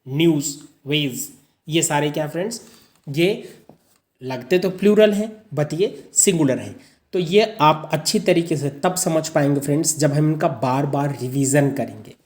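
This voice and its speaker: A man's voice: fairly high pitch, a little mellow. A man teaching English grammar in Hindi mixed with English. He repeats each example word twice, asks rhetorical questions and answers them himself, and keeps calling his listeners friends.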